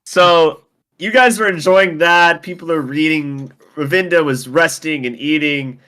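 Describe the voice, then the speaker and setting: A man's voice: fairly high pitch, a little slow, bright, forceful tone, clear, resonant tone. A man narrating as game master of a tabletop game, casual and peppered with fillers.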